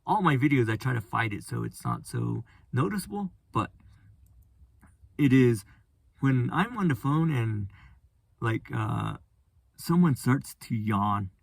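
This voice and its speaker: A man hosting a casual solo podcast, speaking in a flat, monotone voice and rambling with frequent restarts. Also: mid-range voice, unhurried, gravelly, pauses often, slightly rough, no echo. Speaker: podcast host.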